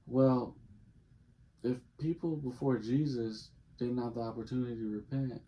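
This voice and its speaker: A man's voice: medium pitch, steady tone, moderate pace. A man hosting a casual podcast chat, talking in a blunt, profane way. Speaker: podcast host. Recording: muffled, noisy recording.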